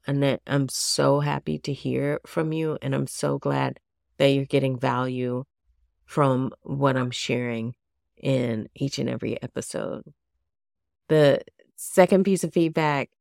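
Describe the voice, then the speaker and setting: Gentle low-voiced woman hosting a podcast. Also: vocal fry, no room sound, clean studio sound. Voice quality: nasal. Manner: gentle, chatty, self-deprecating. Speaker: podcast host. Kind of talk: solo podcast talk.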